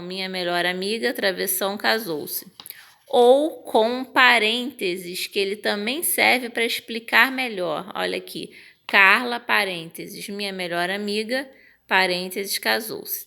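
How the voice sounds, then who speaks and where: Brazilian woman teacher with a gravelly voice. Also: medium pitch, unhurried. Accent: Brazilian Portuguese. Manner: patient, explains step by step, checks in with "tá?"; acts out example phrases with lively intonation. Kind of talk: online grammar lesson.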